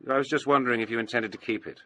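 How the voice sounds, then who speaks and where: An actor playing a calm, inquisitive English gentleman in a radio drama, polite and restrained. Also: medium pitch, very fast, slight background noise, natural voice. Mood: curious. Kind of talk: British radio drama acting.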